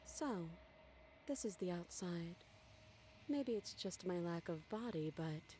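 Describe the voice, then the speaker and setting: An actress voicing a calm, bodiless ghostly princess in a video game, speaking softly and in a measured way. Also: female voice, on the low side, slight background noise. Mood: wistful. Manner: slow, soft, measured. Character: slow, calm ghostly princess without a body. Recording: echoey game audio with music.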